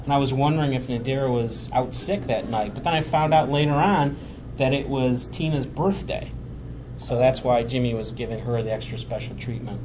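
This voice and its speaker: Over a noisy background, a male podcast host talks at a normal speed in a medium pitch. He starts with relaxed, filler-heavy conversation and then moves to reading a prepared recap of the show.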